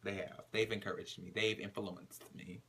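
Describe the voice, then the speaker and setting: A man's voice: lowish voice, level tone, normal speed, very noisy. A man casually recapping a reality TV episode, using slang and profanity and retelling scenes with dramatic flair. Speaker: TV recap reviewer.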